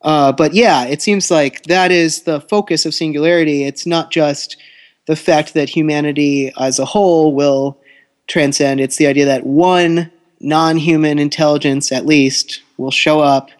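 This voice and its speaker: A man's voice: fairly high pitch, fairly even intonation, measured pace. A man co-hosting a podcast in an articulate, explanatory, conversational way, recorded through a laptop. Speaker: podcast co-host. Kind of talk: conversational discussion. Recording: thin laptop microphone sound.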